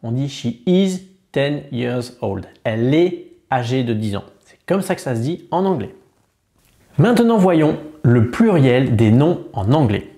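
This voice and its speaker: A young man with a French accent teaching a beginner language lesson, saying words slowly and clearly so learners can copy them. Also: mid-range voice, sing-song, mellow. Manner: slow, careful model pronunciation of words. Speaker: English teacher.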